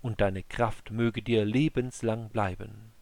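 Slow, solemn man reading scripture. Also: on the low side, fairly even intonation, vocal fry, darkish tone, dry recording. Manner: slow, measured, solemn recitation. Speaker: audiobook narrator.

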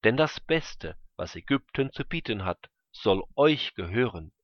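A man's voice: lowish voice, very animated, unhurried, no echo. A man reading a generous commanding pharaoh. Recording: dull lo-fi recording.

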